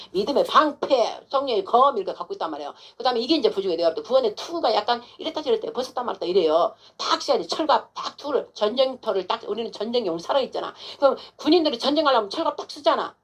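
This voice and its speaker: A woman's voice: on the high side, expressive, racing, few pauses, slightly rough. A woman pastor giving an informal, emphatic sermon to a congregant, coaxing with frequent rhetorical questions.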